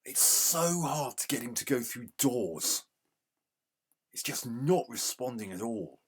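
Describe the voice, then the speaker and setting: A man giving casual gameplay commentary as a retro game reviewer, grumbling in exasperation and yelling at the game. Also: medium pitch, very animated, slow, breathy edge.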